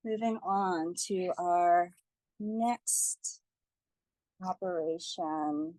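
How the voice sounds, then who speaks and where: A woman's voice: lowish voice, drawn-out words, dry recording. Earnest woman presenting a teach-in. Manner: earnest, steady, reads statistics and a testimony aloud.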